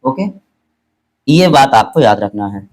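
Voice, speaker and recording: A man with a voice of middling pitch teaches chemistry in a patient, repetitive classroom manner. He walks through each step, slows down to spell out formulas, and often checks that his students are following him. He addresses them with the fond term "beta". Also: animated, a little mellow, rough recording. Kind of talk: classroom lesson explanation.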